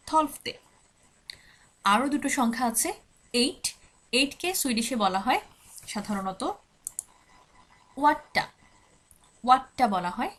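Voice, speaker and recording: A woman teaching a language lesson, explaining patiently and repeating each example word slowly for practice, with English words mixed into her speech. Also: on the high side, a bit bright.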